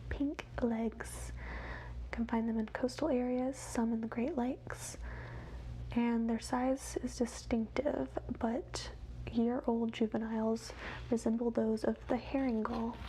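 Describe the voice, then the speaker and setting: A woman whispers wildlife facts in a soft, measured ASMR reading, as quietly as someone watching animals. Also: on the high side, flat delivery, a little hiss or hum, low-quality recording. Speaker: ASMR host.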